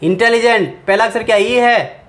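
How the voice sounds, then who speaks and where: A man's voice: sits high, normal speed, fairly bright tone. A man walks students through a grammar lesson. He explains patiently, putting questions to the class and answering them himself. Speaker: teacher.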